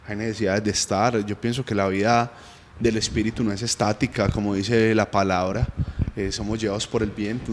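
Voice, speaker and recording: A man with a Colombian accent casually telling a faith testimony as a guest, lively and self-mocking with frequent chuckles. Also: fairly low pitch, long reverb tail, slight background noise. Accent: Colombian Spanish.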